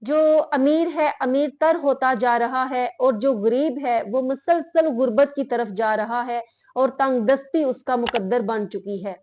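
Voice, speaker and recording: Woman, high-pitched, unhurried, earnest Islamic sermon. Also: darkish tone. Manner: slow, earnest preaching with Urdu religious phrasing. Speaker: religious speaker. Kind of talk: Islamic moral talk.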